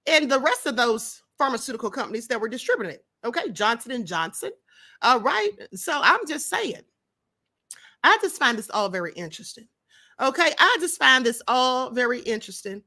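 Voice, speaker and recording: A middle-aged woman hosts her own livestream, delivering opinionated commentary to the live chat and firing rhetorical questions at viewers. Her fairly high voice is very animated, bright, and forceful, moving at a moderate pace.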